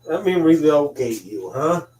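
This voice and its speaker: Unhurried man, a bit off-mic. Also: on the high side, big pitch swings, dark tone, recorded from a distance, soft background music. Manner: swears offhandedly, chuckles, chats to his cat. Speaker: cooking stream host. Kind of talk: casual live cooking stream chat.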